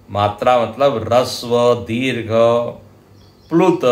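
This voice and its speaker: Indian guy teaching scripture real slow, chants a bit, roomy echo. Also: medium pitch. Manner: slow, deliberate explaining with chanted examples. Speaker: spiritual teacher. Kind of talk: scripture lecture.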